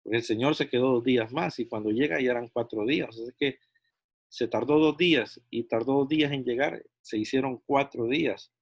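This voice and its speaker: A man teaching a Bible study over a video call. He speaks haltingly, restarts phrases and keeps checking in with his listeners. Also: mid-range voice, creaky, no room sound. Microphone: video call microphone.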